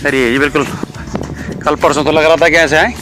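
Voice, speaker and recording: A man's voice: fairly high pitch, steady tone, brisk. A man in his thirties from Uttarakhand, chatting casually to viewers in a travel vlog outdoors on a mountain path. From Uttarakhand, India. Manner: chatty, addresses viewers as friends. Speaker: vlogger.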